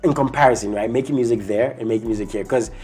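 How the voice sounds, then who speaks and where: A man's voice: medium pitch, fast, darkish tone, soft background music. A man hosting a casual interview, chatty and full of fillers and leading questions. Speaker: interview host.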